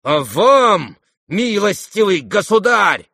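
A man doing a shrill, furious young man. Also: huge pitch swings, very slow, darkish tone, breathy edge, no echo, clean studio sound, full character voice. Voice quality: shrill, choking with anger.

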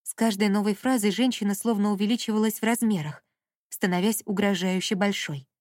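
A woman narrating a story in a calm, even audiobook reading. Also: mid-range voice, brisk, no echo, studio quality.

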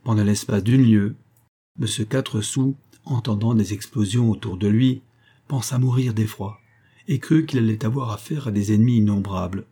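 Male audiobook narrator, measured and steady; low, husky voice. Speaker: audiobook reader. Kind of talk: scripted narration.

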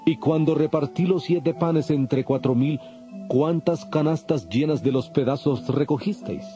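A man's voice: fairly high pitch, a little slow, warm tone, dull audio, lightly acted. A man playing Jesus as an authoritative, emphatic teacher in a solemn dramatized audio Bible. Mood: stern, questioning. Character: Jesus, authoritative adult male teacher rebuking and instructing. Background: prominent music.

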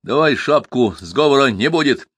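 A man's voice: medium pitch, expressive, normal speed, a bit bright, breathy edge, dry recording, clean studio sound, voice pushed up. A man voicing a shrewd, prosperous merchant who talks in a folksy, wheedling and sometimes stern way.

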